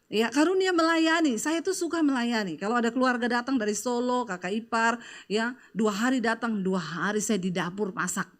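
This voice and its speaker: Brief: middle-aged woman preacher, slightly high voice, lively anecdotal sermon. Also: moderate pace. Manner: chatty, lively storytelling with frequent filler "ya". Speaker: pastor. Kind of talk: conversational sermon with personal stories.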